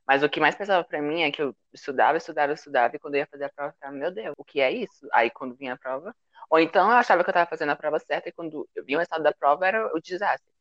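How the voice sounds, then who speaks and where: A man's voice: on the high side, very fast, a bit bright, no room sound. A young man, a university student, chatting casually and telling self-mocking stories about school. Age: young adult. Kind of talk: casual chat. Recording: dull lo-fi audio.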